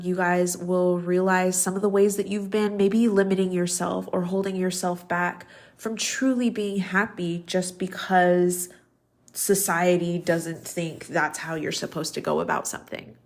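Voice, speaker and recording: 30s woman rambling on her podcast, chatty and thoughtful, lots of um and like. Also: lowish voice. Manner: chatty and reflective, with many ums and likes. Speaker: podcast host. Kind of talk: casual solo podcast talk.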